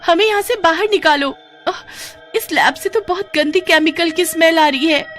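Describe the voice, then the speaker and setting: A woman's voice: very high-pitched, normal speed, fairly bright tone, faint music behind, voice pushed up. A woman voicing two young schoolgirl sisters, hurt but brave, who speak earnestly and plead.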